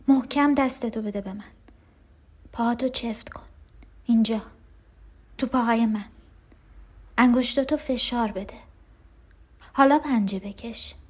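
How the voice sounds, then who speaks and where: Actress doing a scared unborn twin girl in an audio play, urgent and clingy, kinda high voice. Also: husky. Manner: urgent, breathless pleading with sudden cries. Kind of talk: radio drama acting.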